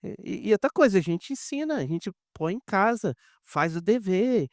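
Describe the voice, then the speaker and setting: High-voiced Brazilian pastor telling stories. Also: male voice, moderate pace, no room sound, clean studio sound. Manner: animated storyteller, addresses the congregation directly; acts out quoted dialogue. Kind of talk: conversational sermon with personal stories.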